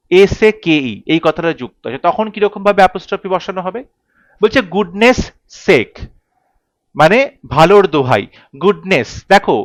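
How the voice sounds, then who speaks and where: A man's voice: high-pitched, dry recording. A man teaching an English grammar lesson, explaining rules step by step and repeating the key points.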